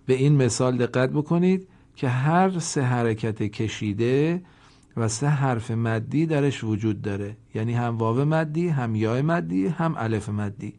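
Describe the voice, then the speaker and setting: A man gives a recorded lesson in Quran reading, in a mellow, warm voice at a middling pitch. He explains quickly, then chants each example word slowly and stretches it out, and asks listeners to repeat after him. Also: lively intonation.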